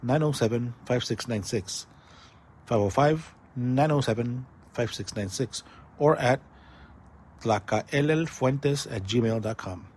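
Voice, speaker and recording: A man's voice: medium pitch, takes it slowly, darkish tone, slightly rough. A man hosting a community events segment, reading out announcements, dates, phone numbers and web addresses. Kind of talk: read announcements.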